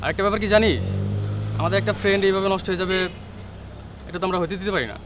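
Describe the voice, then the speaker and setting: A man playing a young man calming his friends down. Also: high-pitched, racing, noisy background, close to an everyday voice. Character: calm young man mediating between friends.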